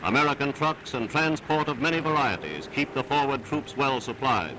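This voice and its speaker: A man's voice: mid-range voice, lively intonation, moderate pace, heavy background noise. A man narrating an old wartime newsreel in an emphatic, declamatory style. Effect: old newsreel recording. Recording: newsreel narration over loud music. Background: music.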